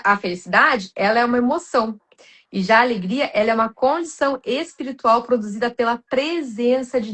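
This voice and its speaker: Uma mulher brasileira, com sotaque brasileiro, fala com sinceridade em um podcast cristão, com muitas hesitações e recomeços. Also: female voice, a little high, a bit bright, husky. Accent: Brazilian Portuguese. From Brazil. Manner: earnest, many restarts and fillers, addresses listeners as "gente". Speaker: podcast guest.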